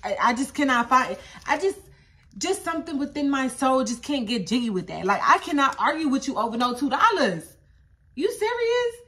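A young woman, telling a story in a casual vlog, animated and repeating phrases in incredulous high-pitched bursts. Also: a little fast. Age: young adult. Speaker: vlogger.

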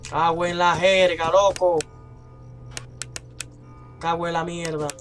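A man's voice: fairly high pitch, level tone, takes it slowly, over music. A young man with a Caribbean Spanish accent commentating on a horror game as a panicking, jumpy gamer who swears a lot. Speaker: gamer recording gameplay with commentary. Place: small room at home, indoors.

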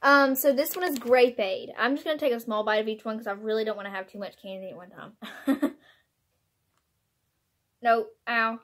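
A woman's voice: fairly high pitch, moderate pace, fairly bright tone. A young woman taste-testing candy in a casual vlog, bubbly, exclaiming and laughing often. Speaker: vlogger.

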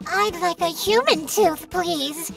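A sweet young mermaid princess speaks in a very high, dainty voice. Her cartoon delivery is polite and slow, with music playing behind her. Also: gravelly, far from the mic, heavily acted. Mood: worried. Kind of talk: preschool cartoon dialogue. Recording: music under the voice.

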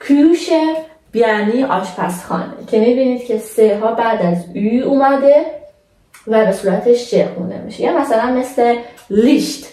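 A young woman teaching a language lesson in a patient, casual way, slowing down to model words for her viewers. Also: on the high side, mellow, reverberant, recorded from a distance.

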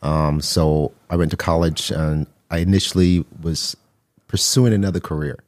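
A middle-aged man from Barbados, a mental health counselor and artist, tells his story conversationally as a guest in a small indoor podcast studio. His rumbling low voice is fairly even, moderately paced and a little mellow, captured close on a boom-arm studio microphone with no echo.

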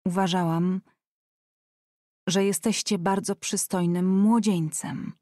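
A woman's voice: on the low side, fairly even intonation, takes it slowly, dark tone, no room sound, clean studio sound. A woman reading an audiobook voices a shy, devout young woman who lisps slightly like a child. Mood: timid.

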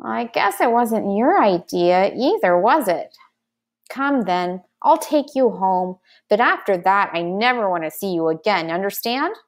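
A woman's voice: mid-range voice, lively intonation, a little slow. A woman voicing a young farm boy who talks to a baby dragon in a coaxing, half-whispered way. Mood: gentle. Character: young farm boy, worried but gentle.

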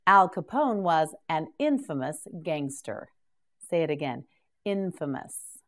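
A woman teaching English vocabulary, saying each word slowly and patiently prompting the learner to repeat it. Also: sits low, sing-song. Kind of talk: slow drilled word repetition.

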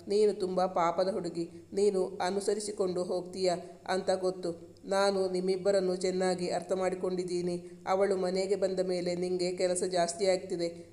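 A man reading the part of a caring young husband in a storybook, speaking softly and earnestly. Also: high voice, close to an everyday voice. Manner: soft, soothing and earnest. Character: caring protective young husband, gentle but firm.

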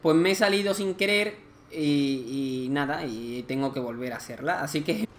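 A man with an accent from Spain, casually commenting on a game he plays, chatty and excitable with lots of slang. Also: fairly high pitch, normal speed, roomy sound, slight background noise. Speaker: gameplay commentator.

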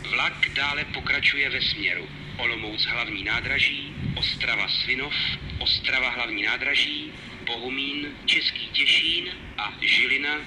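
A man making formal, measured, pre-recorded railway announcements in segmented phrases over a station public address system. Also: medium pitch. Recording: noisy station loudspeaker recording.

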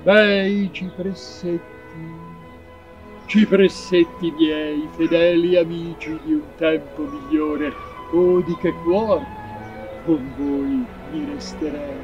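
An actor playing an old nineteenth-century poet who declaims verse and asks courtly questions. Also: male voice, on the high side, muffled recording. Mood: wistful. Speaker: actor in a short film. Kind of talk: amateur theatre acting.

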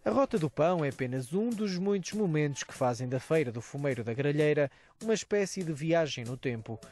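A man's voice: fairly high pitch, animated, darkish tone. A man with a European Portuguese accent, reading a scripted news voice-over as a reporter. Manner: brisk, measured narration.

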